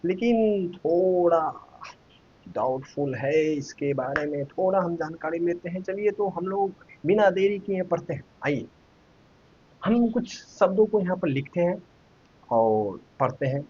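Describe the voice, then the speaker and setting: A man's voice: high-pitched, expressive, unhurried, mellow, a little hiss or hum. A man teaching a Hindi grammar lesson online, asking the viewers questions and sounding out letters one at a time. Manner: asks questions to viewers, then answers them. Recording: dull lo-fi recording.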